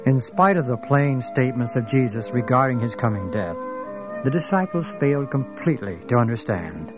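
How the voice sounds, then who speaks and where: A man's voice: medium pitch, lively intonation, moderate pace, over music. A man reading scripted Bible story narration as the narrator of a drama.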